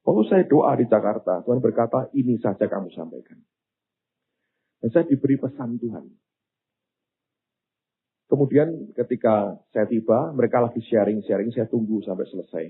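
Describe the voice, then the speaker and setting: An older male pastor preaches in a lively storytelling manner, his pitch leaping high and low. His voice is husky, and the sound is thin and phone-like. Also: normal speed, pauses often. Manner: animated, rising to loud exclamations. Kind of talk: sermon with storytelling.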